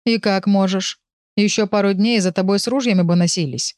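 A woman's voice: medium pitch, brisk, a little mellow, no echo, clean studio sound, lightly acted. A woman voicing a sensible, grumpy male pet animal who mocks and scolds. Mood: scolding. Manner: mocking, scolding.

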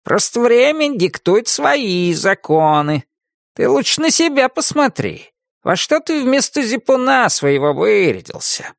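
A man doing a gravelly, grumbling house cat. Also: very high voice, sing-song, a little slow, no echo, studio quality, pitched above the performer's own voice, exaggerated voice. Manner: grumbling, sarcastic. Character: grumpy sarcastic male house cat. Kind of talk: audiobook character voice.

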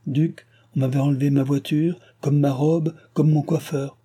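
A man's voice: a little high, little pitch movement, moderate pace, mellow, breathy edge, voice pushed up. A man voicing a witty, scheming young woman, the king's favourite, in an audiobook, teasing and playfully reproachful. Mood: indignant.

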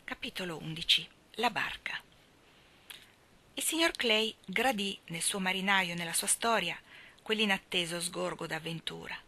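Woman narrator for a literary audiobook: calm, measured and expressive, with a bright, forceful tone in a lowish register. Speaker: reader.

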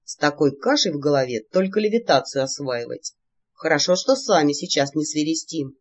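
A woman voicing a young male mage who speaks dryly and deadpan, lowering her voice, in a dull lo-fi recording. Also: slightly rough. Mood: dry teasing. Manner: dry, deadpan, slow.

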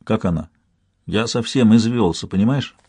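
A man voicing a stern, gloomy middle-aged father who speaks quietly and flatly. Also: normal speed, breathy edge, no room sound. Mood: anxious. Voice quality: quiet, flat, low.

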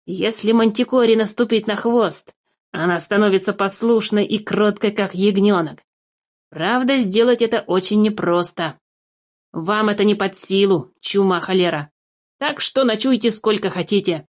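A woman voicing a sly, greedy male dwarf who guards cave treasure, with a wheedling, drawn-out manner, in a storybook reading. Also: mid-range voice, lightly acted. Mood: grumbling.

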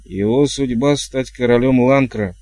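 A man reading an audiobook, voicing the ghost of a king who speaks in flowery, ceremonious phrases, with a dark, mellow tone in a dry recording. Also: medium pitch, measured pace, no room sound, close to an everyday voice. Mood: formal. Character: courtly ghost of an old king.

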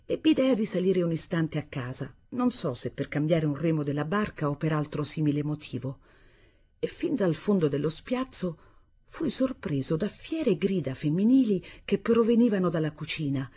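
A woman reading a literary novel aloud on a studio microphone, measured and expressive. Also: sits low, husky. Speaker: audiobook reader.

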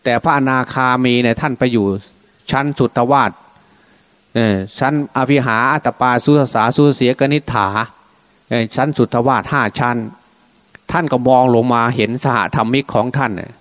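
Male Buddhist monk, medium pitch, informal Dhamma storyteller who slips into dialogue in his own voice. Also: moderate pace, fairly bright tone. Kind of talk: storytelling sermon, unscripted.

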